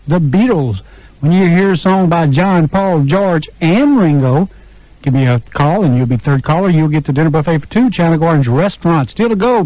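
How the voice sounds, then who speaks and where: Heard on a dull, lo-fi radio aircheck tape, this oldies radio DJ and interviewer keeps up informal, chatty, upbeat patter into a close studio broadcast mic. His voice is slightly high and a little mellow, with no echo.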